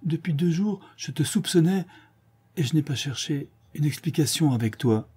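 A man's voice: fairly high pitch, expressive, moderate pace, mellow, breathy edge, voice pushed up. A man voicing an ardent, remorseful young lover in a storybook, pleading in a raised voice. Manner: pleading, emotional delivery.

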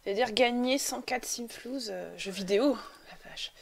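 A woman with a slightly high, creaky voice chats through her gameplay at a moderate pace, coaxing and talking to the characters and sniffling now and then. There's a little hiss or hum.

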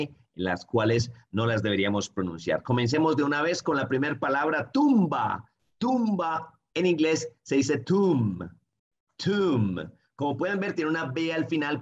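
Slow, patient male English teacher. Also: mid-range voice, dull audio. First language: Spanish. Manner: friendly, slow repetitive drilling of words. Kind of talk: online language lesson.

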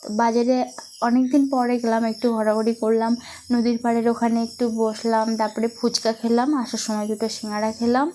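Soft-spoken young Bengali woman vlogging. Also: on the high side, little pitch movement, slight background noise. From India. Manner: soft-spoken, unhurried, many fillers. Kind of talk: casual chat to viewers. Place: home veranda at night.

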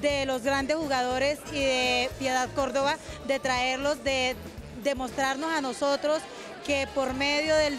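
Earnest high-voiced woman from Colombia. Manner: earnest, passionate speech. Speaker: fan interviewed at event. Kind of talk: street interview. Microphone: handheld interview mic.

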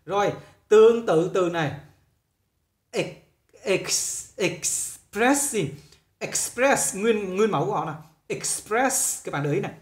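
A man, teaching English pronunciation and drilling each word slowly over and over while correcting common mistakes. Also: high voice, echoey room. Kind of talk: pronunciation lesson.

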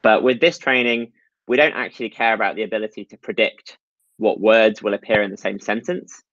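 A man's voice: on the low side, steady tone, brisk, a bit bright, no room sound, muffled recording. A man giving a technical talk over slides at an online meetup, explaining step by step with frequent ums and uhs. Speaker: meetup presenter.

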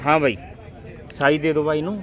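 A man's voice: a little high, flat delivery, brisk, a bit bright. A man with a Punjabi accent hosting a market video, coaxing people and pressing sellers on price. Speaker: livestock market video host brokering a deal. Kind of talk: lively haggling at a market. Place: outdoor livestock market.

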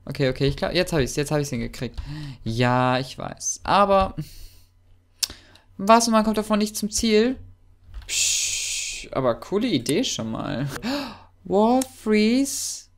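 A man giving excitable, chatty commentary while playing a game, often yelping and exclaiming. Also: sits high, takes it slowly. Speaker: let's player.

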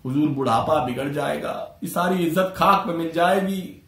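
A boastful, pompous old clerk, put on by a male storyteller. He talks big and grand in a fairly high voice. The sound rings around an echoey room. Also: normal speed, sharp tone. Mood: pleading. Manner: puffed-up and boastful, then pleading.

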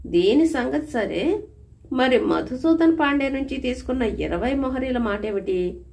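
A woman's voice: high voice, unhurried, creaky, voice pushed up, heavily acted. A woman doing a shrewd wise male minister. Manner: calm, persuasive, stern when warning.

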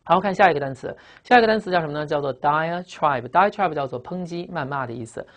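A man teaching English vocabulary to exam students. He repeats each word and its meaning, tags lines with "ah", and keeps asking the class quick questions. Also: on the high side, fairly bright tone.

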